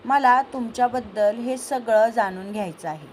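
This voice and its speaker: A shy, emotional young woman in love, quiet and hesitant, as a woman storyteller reads her. The voice is fairly high and soft, over a faint background hiss. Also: normal speed, close to an everyday voice. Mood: gentle.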